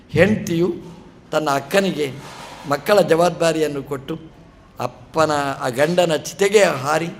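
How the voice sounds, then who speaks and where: A man delivers a storytelling sermon in a high, light voice. He recounts a scripture tale, stopping to ask the listeners rhetorical questions and briefly voicing the characters' words. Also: slight background noise. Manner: narrates a scripture story, acts out short dialogue and asks rhetorical questions. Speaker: religious teacher giving a discourse.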